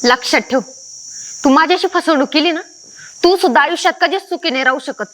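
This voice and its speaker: A pleading village wife. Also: female voice, high-pitched, fairly quick, sharp tone. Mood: bitter. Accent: rural Maharashtra. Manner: pleading, tearful. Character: remorseful young village wife caught cheating. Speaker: actor. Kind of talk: rural Marathi short-film acting.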